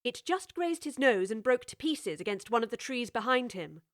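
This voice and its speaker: A woman narrating a storybook with clear, expressive scripted storytelling. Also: a little high, normal speed, no echo, clean studio sound.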